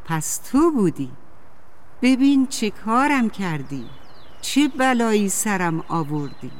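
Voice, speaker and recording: A bad-tempered apple tree snaps and scolds in sing-song rhymes, voiced by a woman telling a children's tale. Soft music plays underneath. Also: medium pitch, big pitch swings, big-room sound, voice pushed up, close to an everyday voice. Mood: reproachful. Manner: scolding, rhyming chant. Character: grumpy angry apple tree, shouting.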